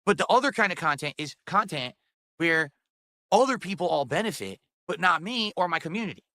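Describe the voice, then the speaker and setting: Lively, bright-voiced man in his forties. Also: sits high, brisk. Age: 40s. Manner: rambling, keeps asking "right?". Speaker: streamer. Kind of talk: rambling stream monologue.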